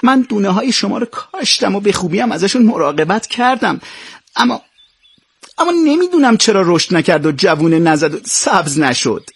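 A man's voice: sits high, very animated, gravelly, slightly rough, no room sound, pitched above the performer's own voice, heavily acted. A man voicing a crying young boy. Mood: tearful.

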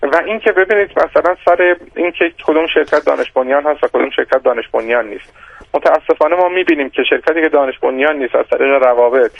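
A man with a gravelly, creaky voice gives a measured, explanatory answer as an economist guest on a radio interview, pausing and restarting as he builds his point. The sound is dry and close, with a dull, lo-fi radio quality. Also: fairly high pitch, no room sound.

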